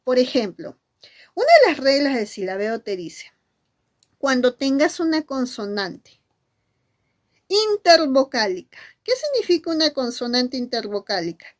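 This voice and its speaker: A woman teacher gives an animated lesson to camera, asking questions and answering in the voices of her students. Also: fairly high pitch. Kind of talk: classroom-style lesson to camera.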